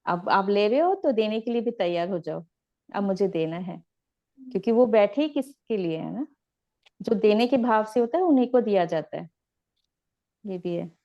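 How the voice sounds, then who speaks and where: A woman teaching meditation in a gentle, repetitive, instructive way. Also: mid-range voice, lively intonation, normal speed, pauses often, lo-fi sound. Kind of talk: guided spiritual teaching.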